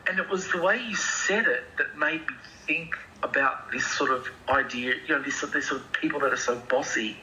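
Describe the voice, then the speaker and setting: A man playing an anxious, softly spoken therapy patient who talks hesitantly and meanders. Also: mid-range voice, normal speed, few pauses, a little hiss or hum, poor audio. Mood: earnest. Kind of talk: improvised comedy dialogue.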